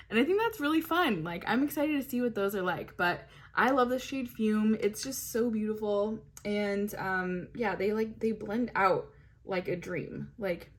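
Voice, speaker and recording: Chatty woman gushing over makeup. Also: mid-range voice. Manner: chatty, gushing, many fillers. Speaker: beauty vlogger. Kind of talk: casual product review. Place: home, hot weather.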